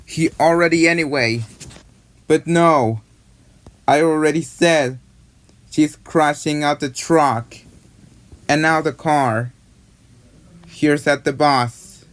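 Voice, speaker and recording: A man narrating a cartoon in a rambling, halting, repetitive way. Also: fairly high pitch, fairly bright tone. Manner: halting, repetitive, run-on retelling. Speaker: fan narrator retelling a cartoon.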